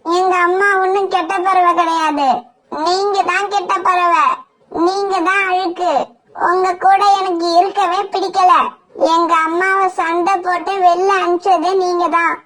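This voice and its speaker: A woman's voice: very high voice, flat delivery, unhurried, fairly bright tone. A woman voicing a small boy sparrow in a cartoon, whiny and begging. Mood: angry. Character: little boy sparrow, clinging to his mother. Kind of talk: cartoon voice acting.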